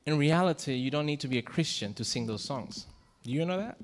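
Speaking a little fast in a fairly high, expressive voice, a middle-aged male pastor delivers a sermon from the pulpit mic. He questions his congregation and climbs to emphatic high points, all wrapped in lengthy church reverb.

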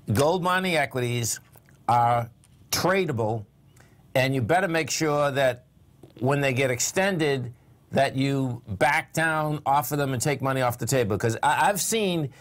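A man's voice: mid-range voice, measured pace. An older man hosting a trading show in a studio, talking casually with folksy, enthusiastic repetition. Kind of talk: casual market talk. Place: TV studio at a desk.

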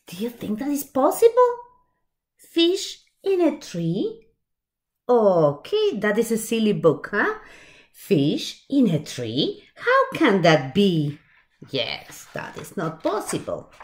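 A children's storytime reader, mid-range in voice, reads aloud from a picture book at a very slow, animated pace. She talks expressively with asides and questions to the kids, set in a small shelved room.

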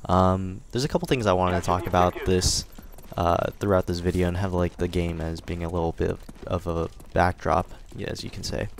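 A man's voice: low voice, fairly even intonation, normal speed, vocal fry, few pauses. A young man giving casual, rambling commentary over a video game, thanking his viewers with many fillers and restarts. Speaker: gaming commentator. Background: game gunfire.

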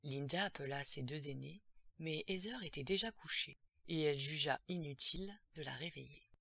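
A woman's voice: deep voice, normal speed, vocal fry, pushed and bright, breathy edge, no room sound, clean studio sound. A woman narrating a horror audiobook in a tense, dramatic storytelling manner.

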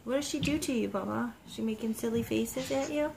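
A woman's voice: fairly high pitch, a little fast, creaky, heavy background noise. A mother on a casual family video call at home, playfully coaxing her small child, heard through a phone.

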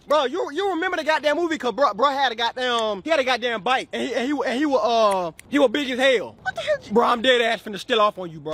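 A high, lively male voice rattling off an exasperated, swearing rant at top speed. He is standing outdoors with a phone held at arm's length, and a faint outdoor ambience sits behind him. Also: a little hiss or hum. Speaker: skit comedian. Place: outdoors among trees.

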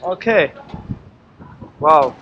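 A man's voice: on the high side, expressive, very slow, sharp tone, reverberant, lo-fi sound, a little hiss or hum. A young man hosting a casual vlog tour, filming himself with an action camera and whooping with enthusiasm. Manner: enthusiastic, frequent whoops and laughs. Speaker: vlog host and exchange participant. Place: guesthouse rooms and terraces, indoors and out. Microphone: action camera held at arm's length.

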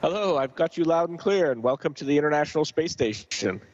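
Man, astronaut, radio downlink from space, communicator sound, dull lo-fi band, measured with pauses. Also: a little high, expressive, darkish tone, a little hiss or hum. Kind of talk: live space-to-ground call. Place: space station.

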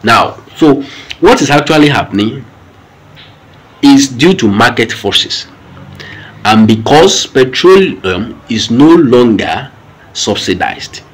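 Lively Nigerian man explaining the news. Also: mid-range voice, slow, long pauses, slightly rough, poor audio. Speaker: commentator. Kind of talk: news commentary.

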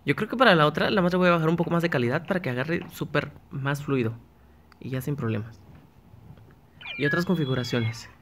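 A man talks his way through a game in a loose, chatty commentary, often restarting his sentences. His voice sits a little high for a man. A faint hiss runs under the recording. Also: animated, a little fast, fairly bright tone. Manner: chatty, talks to himself while playing, frequent restarts. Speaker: gaming YouTuber. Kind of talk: casual gameplay commentary.

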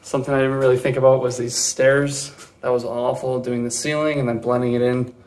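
A man's voice: mid-range voice, little pitch movement, brisk, darkish tone. A young man giving an upbeat, chatty tour of his basement workshop, filmed with a handheld camera at arm's length. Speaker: DIY vlogger. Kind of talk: casual vlog narration. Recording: echoey bare room.

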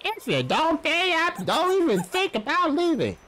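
A man voicing an irate male driver who demands payment and sounds shrill and indignant. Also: wildly swooping pitch, moderate pace, pushed and bright, slight background noise, full character voice.

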